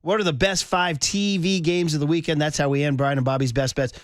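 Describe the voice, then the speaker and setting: A man's voice: fairly high pitch, fairly even intonation, brisk, no room sound. A man hosting a sports radio show in a studio, chatting casually and joking while rattling off his weekend picks. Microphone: studio mic.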